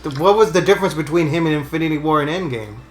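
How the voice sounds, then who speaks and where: A man co-hosting a casual video game stream, teasing and quick to argue back. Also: a little high, reverberant. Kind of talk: casual gaming stream banter.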